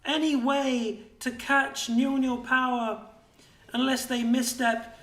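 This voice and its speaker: High-voiced excitable esports caster. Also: male voice, takes it slowly, echoey room. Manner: excitable, shouts during fights. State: out of breath. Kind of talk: live esports commentary.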